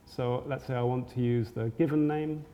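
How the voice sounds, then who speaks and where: A man's voice: mid-range voice, steady tone, normal speed, dull audio. A man giving a technical conference talk, hesitant, with frequent ums and restarts. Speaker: conference speaker. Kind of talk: technical presentation. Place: conference hall. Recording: roomy hall with long reverb, faint noise.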